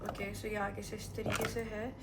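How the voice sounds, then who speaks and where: A woman's voice: mid-range voice, moderate pace. A young woman in her twenties vlogging in a casual, chatty way, switching often between Hindi-Urdu and English. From Pakistan. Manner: chatty, excitable, switches between languages mid-sentence. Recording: noisy home recording.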